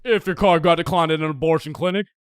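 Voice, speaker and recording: A man's voice: fairly high pitch, fast talker, smooth, dry recording, studio quality, lightly acted. A young man playing a polite, impressed male university interviewer.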